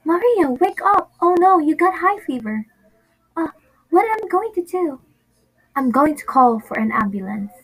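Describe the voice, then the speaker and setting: A woman's voice: very high-pitched, very animated, normal speed, slight background noise, exaggerated voice, poor audio. A woman playing a devoted, determined single mother in an amateur audio drama, earnest and emotional. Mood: panicked.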